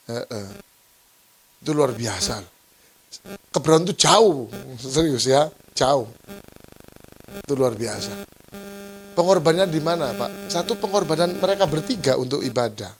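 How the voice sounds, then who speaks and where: A male pastor with a Surabaya accent preaching a playful, joking sermon to his church, teasing the congregation and laughing often. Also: medium pitch. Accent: Surabaya Javanese-flavored Indonesian. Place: church service.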